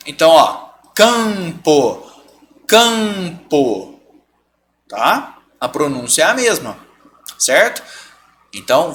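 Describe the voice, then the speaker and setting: A man's voice: fairly high pitch, pushed and bright, slight background noise. A man teaching a live online lesson, patiently stretching out example sounds and often checking that students follow.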